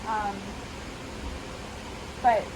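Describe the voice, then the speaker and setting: A woman explaining animal treatment casually and informally, her voice slightly muffled by a face mask. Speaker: veterinary professional treating goats. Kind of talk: casual explanatory talk to camera. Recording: noisy, steady rushing background hiss.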